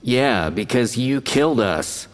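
A man's voice: mid-range voice, lively intonation, slow pace, big-room sound. An actor playing a sarcastic, blunt ghost who drops his dinner-theater role. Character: snarky male ghost actor, Colonel Mustard role. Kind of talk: audio drama acting.

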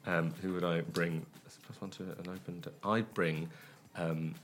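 Male comic guest, very low husky voice, rambling and hesitant delivery, casual radio chat. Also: fairly even intonation, normal speed. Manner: rambling, hesitant, self-interrupting. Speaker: comedian guest.

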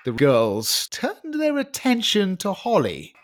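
Campy, melodramatic slow storyteller. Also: medium pitch, wildly swooping pitch, background noise. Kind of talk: theatrical comic storytelling narration.

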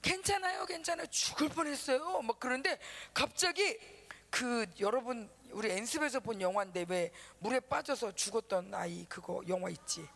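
Woman, pastor's wife, children's sermon; gravelly, lively, acts out every voice. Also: mid-range voice, normal speed.

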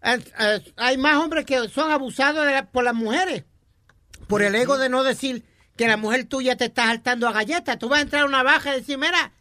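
A co-host with a very high, bright voice, spinning stories in casual banter. He acts out the quotes as he goes and mixes in English. The sound is dry and close. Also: fairly quick, dry recording. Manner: storytelling with acted-out quotes, mixing English. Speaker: show co-host.

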